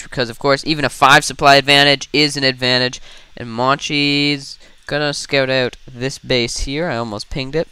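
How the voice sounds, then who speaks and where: A young man giving fast, rambling solo play-by-play commentary on a strategy game, with self-mocking asides. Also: mid-range voice, bright, forceful tone, clear, resonant tone, no echo. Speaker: esports caster.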